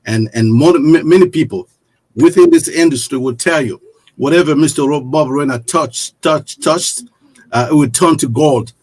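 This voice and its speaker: Middle-aged man, panel host, husky voice, halting, repeats words. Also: fairly high pitch, a little mellow. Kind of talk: panel interview.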